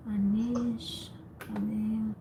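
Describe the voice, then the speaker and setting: As host and teacher of an online English speaking session, this woman questions participants and provides simple explanations and corrections over a group call. Her voice is mid-range with little pitch movement, and she talks very slowly. The call carries faint background noise.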